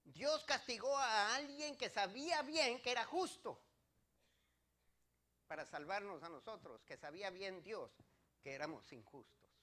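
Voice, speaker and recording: High bright-voiced male preacher. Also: expressive, a little slow. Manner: preaching with rising emphasis and direct questions to the congregation. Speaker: pastor. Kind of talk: sermon.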